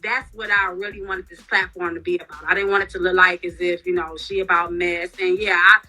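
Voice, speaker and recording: A woman's voice: fairly low pitch, level tone, brisk, pushed and bright, faint music behind, poor audio. A woman guest in a casual interview, talking candidly with lots of fillers while wearing retainers that affect her speech. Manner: chatty and candid, lots of "you know" fillers. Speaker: guest, reality TV cast member.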